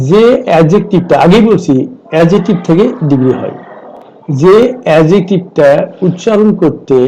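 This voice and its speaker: Bengali-accented teacher guy, high voice, mellow, drags out his words. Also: rough recording. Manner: slow, deliberate, repeats word lists. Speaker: English teacher. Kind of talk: online grammar lesson.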